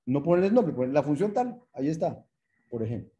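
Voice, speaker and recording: A programming lecturer with a brisk, mellow, sing-song voice on the high side teaches a class, coding live as he thinks aloud. He explains patiently and repetitively, addresses students formally and keeps checking in with rhetorical questions, all on dull audio.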